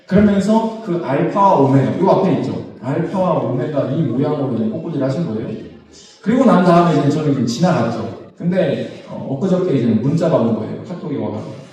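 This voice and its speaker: Pastor guy giving a sermon, kinda high voice, sounds far off the mic in a big echoey hall. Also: lively intonation, a little fast, mellow. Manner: asks the congregation questions and answers them. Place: church sanctuary. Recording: echoey church hall, voice from a distance.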